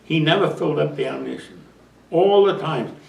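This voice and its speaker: Old guy, veteran, rambly storytelling w/ restarts, kinda high voice, echoey room. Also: a little fast, vocal fry, recorded from a distance. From United States. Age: older. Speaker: war veteran interviewee. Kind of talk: oral history interview.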